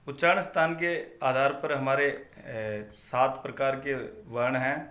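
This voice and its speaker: A man teaching a Sanskrit phonetics lesson, reciting each grammar rule slowly and then repeating it. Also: medium pitch, a bit bright.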